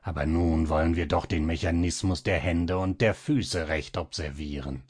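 A man's voice: low voice, a little mellow, husky, voice pushed down. A man playing a sinister mocking old man. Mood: menacing. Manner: hissing, sneering, drawn-out.

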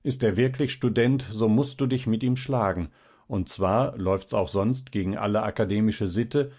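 A gentle, earnest young male student speaking mildly and gravely, as a male storybook narrator puts him on. The voice sits low and quiet. He never raises it. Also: moderate pace. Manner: mild and serious.

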